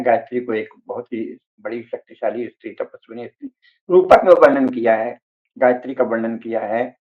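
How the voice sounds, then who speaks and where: Man lecturing over tinny, phone-like audio. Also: medium pitch. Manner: emphatic and didactic, listing names, asks "है ना?". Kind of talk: religious discourse.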